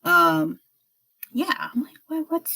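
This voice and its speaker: A woman's voice: fairly high pitch, big pitch swings, slow, bright, forceful tone, husky, low-quality recording. A woman chatting casually on a livestream while she paints, frank and rambling, a little unwell. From United States. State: slightly unwell. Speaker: streamer.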